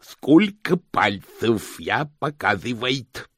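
A man voicing Igor, a lisping male servant who talks slowly and dutifully. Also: medium pitch, very animated, a bit bright, husky, no room sound, clean studio sound, voice pushed up, full character voice. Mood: servile. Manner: slow, lisping, servile speech.

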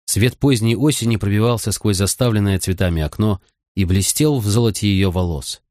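Low-voiced male audiobook narrator. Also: moderate pace, darkish tone, dry recording, clean studio sound. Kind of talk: first-person audiobook narration.

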